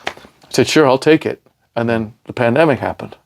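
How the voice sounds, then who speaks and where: Fairly quick and lively, with vocal fry and a medium pitch, a middle-aged British-accented man tells casual stories in a recording studio over a little hiss or hum. He's a podcast guest who works as a recording engineer and owns a studio; born in Milan, he grew up in England and Scotland and keeps saying "man" and "you know."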